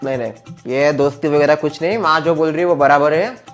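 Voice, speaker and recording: A man playing a loud, joking middle-aged father who likes a drink, in a comedy sketch. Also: a little high, fairly quick, soft background music. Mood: mock-serious. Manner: loud, joking, blustery, shouts at times.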